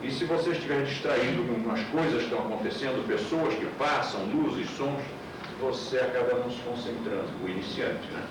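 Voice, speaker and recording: Male teacher, explanatory lecture with rhetorical questions; old VHS tape sound, hissy and boomy. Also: fairly quick, very echoey, distant mic. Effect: old VHS tape recording. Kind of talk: classroom lecture.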